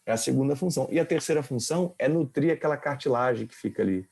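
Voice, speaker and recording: A kinesiology professor gives an informal anatomy lecture, quizzing students with questions while he explains. His mid-range voice is fast and a little mellow, with vocal fry and a breathy edge.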